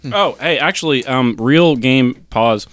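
Casual male player, mid pitch, dry sound. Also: unhurried, fairly bright tone, no echo. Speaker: tabletop game player. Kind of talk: casual joking table talk.

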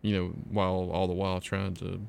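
A man's voice: low voice, monotone, fairly quick, gravelly, a little mellow, slight background noise. A man playing a tabletop role-playing game, talking casually through what his character does.

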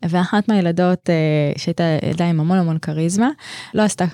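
A woman teacher in middle age tells a story from her classroom in a low, soft, mellow voice. She speaks earnestly and thoughtfully, breaking off and restarting as she reaches for the right words. The recording is close and dry, with no room sound. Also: steady tone, no echo. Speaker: teacher, podcast guest. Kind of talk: reflective storytelling in conversation.

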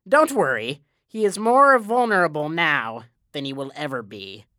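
A woman voicing a thin, sly little man who talks in a slow, wheedling, persuasive way, reading a storybook. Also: deep voice, sing-song, sharp tone, no echo, studio quality, voice pushed down, full character voice. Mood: scheming.

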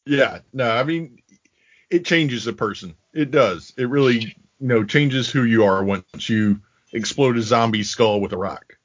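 A podcast co-host with a mid-range voice recaps a film's scenes in casual chat, dry, sarcastic and profane, at an unhurried pace. The recording is dry, with the high frequencies cut off.

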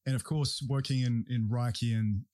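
A man's voice: medium pitch, fairly even intonation, moderate pace, darkish tone, no echo. Guy hosting a podcast, blunt n opinionated, casual chat, medium voice, very dry audio. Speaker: podcast host and breathwork practitioner. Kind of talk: casual conversational talk.

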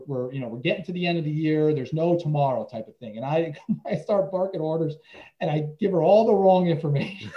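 Male teacher, somewhat high-pitched, loose rambling anecdotes, dull low-fidelity recording. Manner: rambling, full of "you know" and restarts. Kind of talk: casual storytelling interview.

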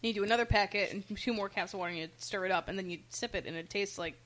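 A woman's voice: medium pitch, very fast, a bit bright. A young woman co-hosting a casual snack-tasting chat, making dry joking asides. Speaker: co-host reviewing snacks.

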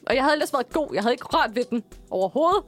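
A young woman in her twenties, co-hosting a podcast and telling a story in a casual, animated way with lots of fillers and laughs. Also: high voice, faint music behind. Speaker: podcast co-host.

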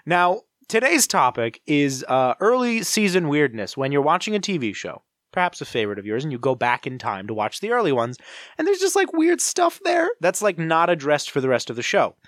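Animated, theatrical young man co-hosting. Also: a little high, brisk, no room sound, studio quality. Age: young adult. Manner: mock-grandiose, theatrical. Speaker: podcast co-host. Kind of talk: bantering comic chat.

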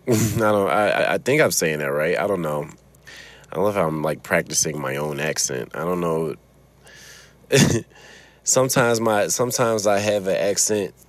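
Sitting in his car, a Chicago podcast host rambles through a loose, profane solo monologue, laughing often and swearing freely. His voice is on the low side for a man, a little slow, with long pauses.

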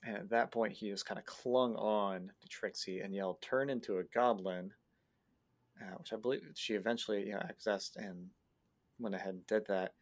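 A man who plays in a tabletop game, casually retelling a session in an unhurried, meandering way. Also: on the low side, steady tone. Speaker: player. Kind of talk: casual storytelling recap.

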